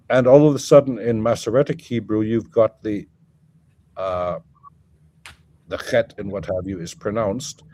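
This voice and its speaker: A guest scholar with a warm, lowish male voice holds forth in an academic conversation, lecturing while thinking aloud and frequently using fillers, self-corrections, and restarts.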